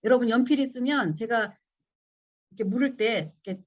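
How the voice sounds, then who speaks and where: A woman's voice: fairly high pitch, brisk. Middle-aged Korean woman giving a church seminar talk. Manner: acts out her own past pleas in quotes; asks the audience questions. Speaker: seminar speaker.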